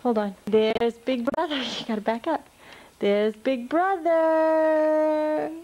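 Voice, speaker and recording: A woman's voice: sits high, steady tone, slow pace, darkish tone, muffled recording. A woman filming her young children on a home camcorder, coaxing them in a sing-song baby-talk voice. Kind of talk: home video narration. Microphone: handheld camcorder.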